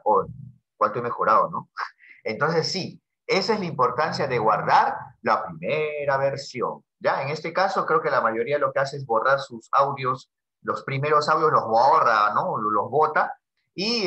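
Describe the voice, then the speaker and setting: Bright and pushed at a medium pitch, this man's voice carries a Peruvian Spanish accent as he runs a casual classroom dialogue. Originally from Peru, he jokes with a student and keeps tacking on tag questions, all on dull lo-fi audio.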